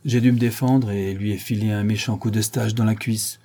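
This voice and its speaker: A man's voice: fairly low pitch, fairly even intonation, moderate pace, dark tone, breathy edge. A man voicing a shady rural drifter who works as a hired thug, talking evasively and with a sneer.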